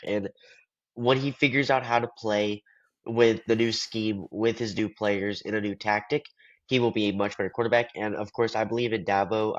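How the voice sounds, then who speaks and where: A young man with a blocked, stuffy nose gives his sports rankings in an earnest, casual way, sometimes stopping to hunt for the right word. His voice sits fairly low. The audio is dull and lo-fi. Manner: earnest, searching for words. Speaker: podcast co-host.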